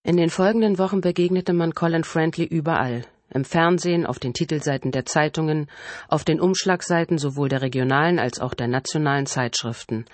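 A woman narrating a first-person novel in a calm, measured audiobook reading. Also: low voice, no echo.

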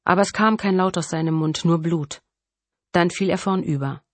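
A woman's voice: fairly low pitch, no echo. Woman narrating a thriller audiobook. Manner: measured, dramatic storytelling. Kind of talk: first-person scripted narration.

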